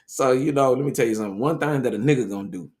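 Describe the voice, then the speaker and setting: A man with a Southern American accent co-hosting a podcast, telling a story in a loose, animated way and laughing often. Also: medium pitch, racing. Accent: Southern American English. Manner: animated storyteller, laughs often, keeps saying "you know what I'm saying". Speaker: podcast co-host. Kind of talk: casual chat, storytelling.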